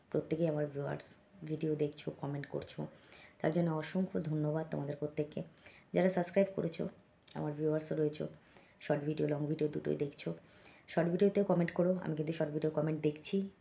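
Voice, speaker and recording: A woman's voice: on the low side, vocal fry, mellow. A woman vlogger chatting casually to her viewers, reading comments aloud with many fillers and asides. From Bengal.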